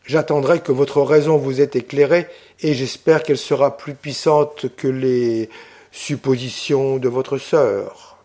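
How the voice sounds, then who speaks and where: A man's voice: mid-range voice, steady tone, measured pace, warm tone, lightly acted. A man reading a haughty, impatient prefect. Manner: impatient, condescending. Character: haughty mocking male prefect, impatient official.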